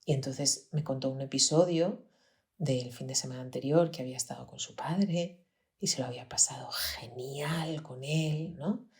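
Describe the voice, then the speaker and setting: A woman's voice: rumbling low, creaky, darkish tone. A woman with a Spanish accent from Spain, hosting a podcast and reflectively telling a personal story, often dropping to a near-whisper. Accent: Peninsular Spanish. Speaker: podcast host, pediatrician.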